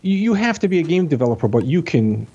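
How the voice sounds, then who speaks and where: A man's voice: a little high, sing-song, fast, warm tone, breathy edge, lo-fi sound. A man in a casual roundtable chat who jokes around and often interrupts himself. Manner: joking, self-interrupting.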